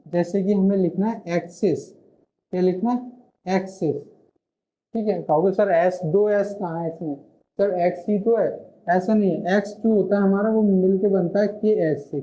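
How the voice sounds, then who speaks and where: A man with a high-pitched, mellow voice teaches shorthand in an online classroom, explaining patiently and stopping often to ask himself questions and then answer them. The recording sounds muffled and lo-fi.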